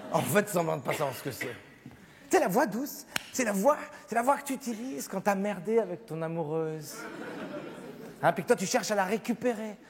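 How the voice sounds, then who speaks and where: A man performing a stand-up comedy show on a theatre stage, animated and acting out little scenes. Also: high voice, noisy background. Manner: animated, acts out scenes with shifting voices. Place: theatre stage with live audience. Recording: live theatre recording, hall reverb, audience laughter. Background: audience laughing.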